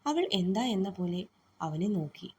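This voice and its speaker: A woman narrating a romantic story and softly reading both lovers' lines herself. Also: mid-range voice, animated, a little slow, slightly rough.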